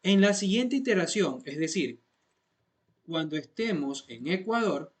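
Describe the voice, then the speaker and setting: A man's voice: high voice, lively intonation, unhurried. A man walks students through code one step at a time. He repeats each point patiently and keeps checking that they follow. The tone is that of a classroom lesson. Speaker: programming instructor.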